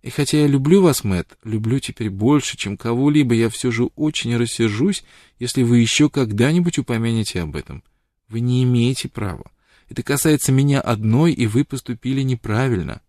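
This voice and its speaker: A man voicing a proud, quick-witted young woman who answers with sharp, challenging retorts. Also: medium pitch, lively intonation, no echo, clean studio sound, lightly acted. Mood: earnest.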